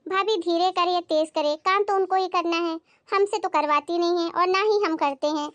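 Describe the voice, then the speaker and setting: A young daughter, played by a woman, who reasons with her mother and stays mildly exasperated. Her voice is very high and the recording is close and dry. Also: steady tone, normal speed, a bit bright, dry recording. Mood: pleading. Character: young daughter defending her sister-in-law.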